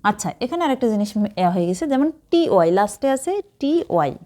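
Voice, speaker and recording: A woman's voice: fairly high pitch, very animated, a little fast, darkish tone. A woman teaching English vocabulary, spelling words letter by letter and giving memory tricks. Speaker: English tutor. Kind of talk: vocabulary lesson.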